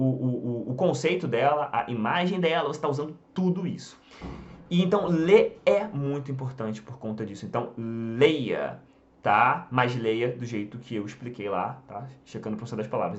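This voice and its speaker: A man's voice: mid-range voice, a bit bright, muffled recording. A Brazilian man teaching an online lesson in casual chat, pointing at a board and dropping frequent "tá?" fillers. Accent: Brazilian Portuguese. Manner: talks while drawing on a board, many fillers like "tá?" and "ó". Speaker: English teacher.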